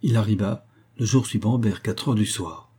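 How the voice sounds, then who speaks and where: Husky, dark-voiced male narrator. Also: on the low side, normal speed. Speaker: audiobook narrator. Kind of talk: scripted narration.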